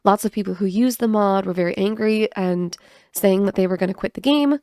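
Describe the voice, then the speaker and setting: Sick and congested with a cough drop in her mouth, a woman hosts a gaming commentary video, chatting casually, reading aloud, and poking fun at herself. Her mid-range voice is brisk and a little mellow, recorded at studio quality with no echo.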